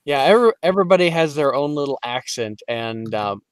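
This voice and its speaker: A voiceover actor guesting on a podcast, chatting casually and playfully, now and then dropping into character accents. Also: male voice, mid-range voice, animated, brisk, smooth, no echo. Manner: playful, slips into character accents mid-story.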